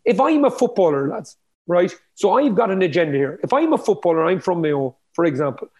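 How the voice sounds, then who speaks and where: A man's voice: high voice, big pitch swings, a little fast, warm tone. A man in casual, opinionated discussion, emphatic and colloquial, often repeating words as he starts.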